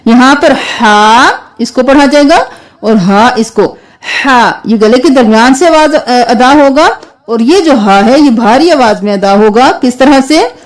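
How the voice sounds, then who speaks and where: A woman teaching Quran reading, spelling sounds out letter by letter and chanting verses slowly. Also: high-pitched. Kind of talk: slow tajweed lesson with recited verses.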